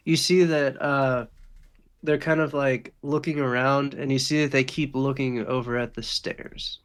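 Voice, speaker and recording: A man's voice: mid-range voice, steady tone, unhurried, clean tone. A man narrating a tabletop game as game master, in a loose, laid-back way.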